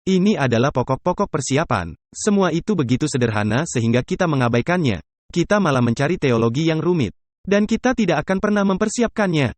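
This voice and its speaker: A man's voice: on the high side, animated, fairly quick, no echo. A man giving the dubbed voice of a preacher, delivering the sermon conversationally and asking the audience rhetorical questions. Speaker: dubbing voice for a preacher.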